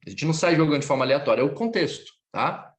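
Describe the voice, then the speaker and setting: A man's voice: a little high, expressive. A man teaching French in a live online class, patiently explaining and checking in with students. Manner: patient, repeats phrases slowly, often ends with "tá bom?".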